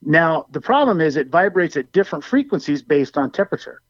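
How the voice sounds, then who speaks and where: A man with a slightly high voice comes through a compressed cell phone connection that keeps cutting out. The call sounds dull and lo-fi, yet close and dry. He explains technical details eagerly and leans on everyday comparisons. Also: very animated, brisk, no echo. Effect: compressed cell phone line cutting out. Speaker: guest product expert.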